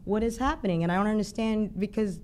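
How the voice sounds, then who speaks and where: A woman's voice: mid-range voice, fast, darkish tone. A woman appearing as a musician guest on a podcast, speaking reflectively in long, flowing thoughts. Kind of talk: conversational interview.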